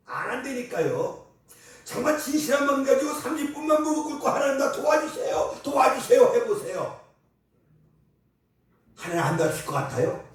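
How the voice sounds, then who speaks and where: A male pastor preaching a sermon, swinging from hushed asides to loud cries. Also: on the high side. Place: church sanctuary. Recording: echoey sanctuary from far off, faint noise.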